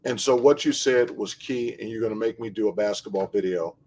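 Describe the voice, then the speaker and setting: A man hosting an interview and asking questions in a measured, reflective way; he also trains basketball players. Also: lowish voice, darkish tone, a little hiss or hum, rough recording. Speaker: show host, basketball trainer. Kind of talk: casual interview talk.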